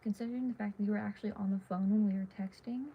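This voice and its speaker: Late at night in her dark bedroom, a teenage girl livestreams in a hushed, half-whispered, very fast ramble full of fillers, tired and losing her voice. Her voice is medium-pitched and steady, captured on dull lo-fi phone audio with faint hiss.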